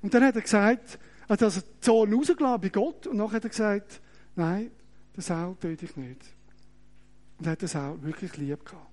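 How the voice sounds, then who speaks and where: A middle-aged man with a Swiss German accent preaching an animated, joking sermon that pulls the audience in, often tagging his sentences with "oder?". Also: high-pitched, quick pace. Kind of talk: lively sermon with audience demonstration.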